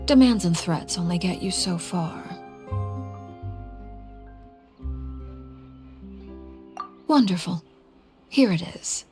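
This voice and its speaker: Low, cool, commanding woman played by an actress. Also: expressive, dark tone, soft background music, natural voice. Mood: cool, controlled. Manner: measured, formal, commanding. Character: cool, composed, intimidating woman leader with a dark past. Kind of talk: video game character dialogue, storytelling.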